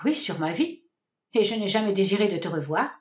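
Woman playing scornful young male lover, animated delivery. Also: medium pitch, a little fast, echoey room, voice pushed down, close to an everyday voice. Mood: cold contempt. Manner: curt, contemptuous, declamatory. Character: harsh, scornful young male lover spurning his former sweetheart. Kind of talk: classic stage comedy read aloud.

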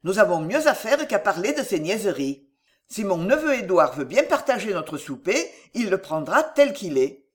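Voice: medium pitch, very animated, moderate pace, close to an everyday voice. A reader voicing an older man, an earnest political speaker and father, in a preaching tone. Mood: brusque.

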